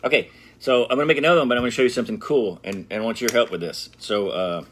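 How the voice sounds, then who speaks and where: A middle-aged man hosts a laid-back brick-building tutorial, his mid-range, fairly bright voice coming rapid-fire. Chatty and playful, he talks straight to his viewers, humming and cracking jokes while he builds.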